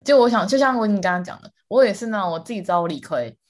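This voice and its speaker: A woman co-hosting a casual chat podcast, animated and quick to repeat words for emphasis, laughing often. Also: mid-range voice. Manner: calls herself quick to anger. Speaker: podcast co-host.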